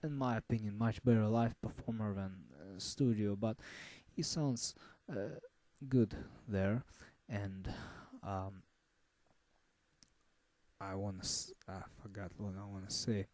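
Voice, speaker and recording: Slow, halting man reviewing an album. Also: on the low side, warm tone, no room sound. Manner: slow, halting, many fillers and restarts. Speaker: music reviewer.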